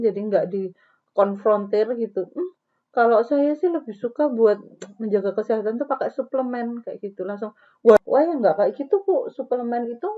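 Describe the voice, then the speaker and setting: A woman lecturer explains counseling steps in an easygoing, conversational way. She pauses on fillers and slips into little acted-out client exchanges. Her voice sits at a middle pitch and comes through narrow and tinny, like a phone line. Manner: conversational, many fillers, acts out client dialogues. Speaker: nutrition lecturer. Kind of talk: recorded university lecture.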